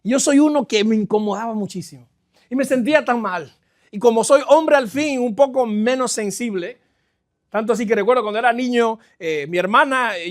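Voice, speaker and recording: High-pitched pastor guy preaching, gets loud then goes quiet, drops english bits, in a church. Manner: lively preaching, swings between loud exclamations and quiet stretches; mixes English phrases into his speech. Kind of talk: sermon.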